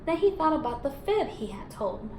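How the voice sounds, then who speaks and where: A woman teacher reads a storybook aloud to young pupils with great expression, prompting them with questions and affirming their answers. Her voice sits high, is very animated and a little mellow, and moves at a moderate pace. The recording has a roomy echo and faint background noise.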